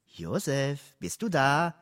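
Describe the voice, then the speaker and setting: A man's voice: mid-range voice, very animated, slow pace, a bit bright, no room sound, clean studio sound, voice pushed up. A man voicing male soldiers who tease a locked-in comrade with sing-song, mock-innocent questions. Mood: teasing.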